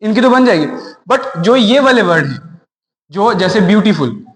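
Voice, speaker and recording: High-voiced man teaching, echoey room. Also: animated, unhurried. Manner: explains step by step with rhetorical questions. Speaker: English teacher. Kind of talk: classroom grammar lesson. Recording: echoey room with long reverb.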